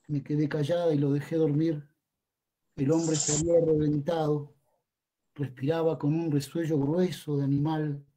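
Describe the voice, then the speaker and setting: A man reading a dramatic monologue as an elderly migrant grandmother, in a quiet, hushed way. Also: on the high side.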